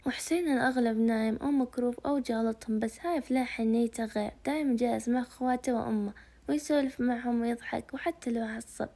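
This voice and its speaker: A woman narrating a novel in a lively storytelling manner. Her voice is gravelly, mellow and rather high, and she reads fast. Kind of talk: novel reading.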